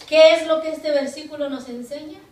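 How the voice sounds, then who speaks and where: A woman's voice: high-pitched, fairly even intonation, fairly quick, darkish tone. A woman pastor preaching a sermon emphatically, asking rhetorical questions and acting out what people say. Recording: echoey room, far from the mic.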